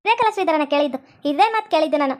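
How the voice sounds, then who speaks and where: Taking the part of a deaf, interfering old villager in a family comedy sketch, a woman speaks in a North Karnataka Kannada accent, shrill, nagging and melodramatic. She sounds indignant, with expressive, rapid-fire delivery.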